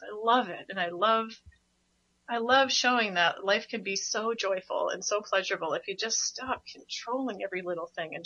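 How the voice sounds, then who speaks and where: A woman's voice: mid-range voice, pushed and bright. A woman hosting a radio show as a parenting coach, talking passionately and emphatically, often with a laugh. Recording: dull, lo-fi radio recording.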